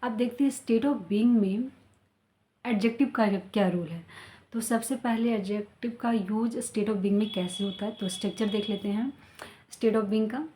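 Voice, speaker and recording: A woman teaching an English grammar lesson, speaking slowly and repeating each example sentence with care, asking questions and answering them herself. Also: mid-range voice, fairly even intonation, dark tone, slight background noise. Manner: slow, deliberate repetition of example sentences. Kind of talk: grammar lesson explained in Hindi.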